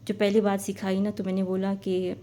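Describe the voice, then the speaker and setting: A woman's voice: mid-range voice, monotone, dark tone. A woman telling a personal story in a casual, rambling way, often repeating her phrases.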